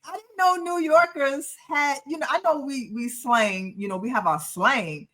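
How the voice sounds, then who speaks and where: Brief: woman co-host with a New York accent, playful and repetitive, crisp sharp tone. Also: sits high, moderate pace. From Harlem, New York. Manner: playful, repeats phrases for effect. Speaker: podcast co-host. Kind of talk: casual podcast banter.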